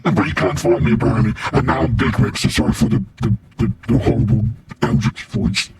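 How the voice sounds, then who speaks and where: A man's voice: lowish voice, huge pitch swings, a little fast, creaky, background noise, pitched below the performer's own voice, heavily acted. A man chatting casually while a game plays, his voice run through a distorting, eerie voice changer, with joking asides. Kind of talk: casual gaming chat.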